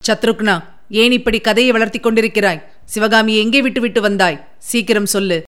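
A fierce young prince, quick to anger and used to being obeyed, demands answers and will not wait. A woman gives him voice in a storybook reading, pitched a little high. His words come sharp and commanding. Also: clean tone, close to an everyday voice. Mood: angry.

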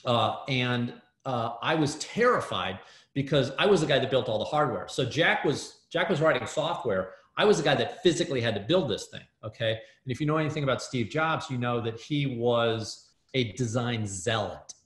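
A man, a guest in an interview, telling a story in an animated way with many fillers and restarts over a video call. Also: medium pitch, moderate pace. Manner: excitable, lots of fillers and restarts. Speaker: guest, startup hardware builder. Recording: roomy echo.

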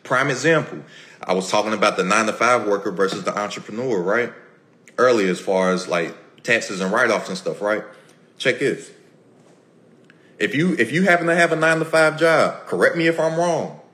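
A man's voice: lowish voice, normal speed, a bit bright, roomy sound. A man hosting a motivational podcast, talking straight to listeners in an emphatic, repetitive, preachy way and acting out bits of everyday dialogue. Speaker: podcast host. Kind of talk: motivational talk to a live audience.

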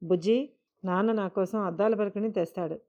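A woman's voice: mid-range voice, brisk, mellow, close to an everyday voice. A woman voicing an eager, sweet little girl in a read-aloud story. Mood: excited. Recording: dull lo-fi recording.

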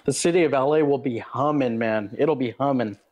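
Late-teen guy co-hosting a sports podcast, mid-pitched voice, easygoing and loose. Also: a little fast, a little mellow. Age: late teens. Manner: laid-back, often tags lines with "man". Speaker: podcast co-host. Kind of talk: casual sports chat.

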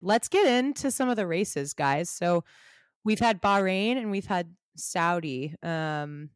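A woman co-host with a somewhat low voice who talks in a measured, easygoing manner. The recording is dry and close, with almost no room sound. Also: animated, clean tone, no echo. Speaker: podcast co-host. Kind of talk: casual chat.

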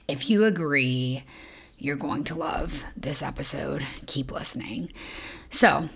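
A woman hosting her own podcast in a soft, husky morning voice, talking reflectively and sometimes half-whispering. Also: low voice. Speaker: podcast host. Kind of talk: reflective motivational monologue.

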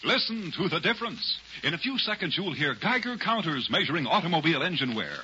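A man's voice: fairly high pitch, big pitch swings, fast talker, music in the background. An American man announcing a commercial in vintage mid-century radio style. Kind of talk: 1940s-50s radio advertising announcing. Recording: muffled, faintly noisy vintage radio recording.

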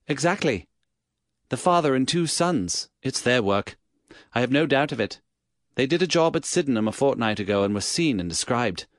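A man's voice: mid-range voice, animated, moderate pace, no echo, clean studio sound, voice pushed up, lightly acted. Man doing an eager young police inspector. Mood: earnest. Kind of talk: audiobook character voice.

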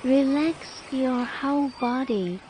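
A woman leads a guided relaxation in a soft, soothing spa manner. Her high voice is mellow and very slow. Ambient noise sits behind her. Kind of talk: guided meditation narration. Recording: noisy ambient background sound.

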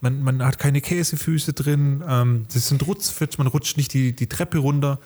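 Ein Mann diskutiert als Co-Moderator in einem lockeren Podcast und zählt Argumente auf. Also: male voice, mid-range voice, steady tone, unhurried, a little mellow, slightly rough. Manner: argumentative, lists points. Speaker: podcast co-host. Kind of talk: casual podcast chat.

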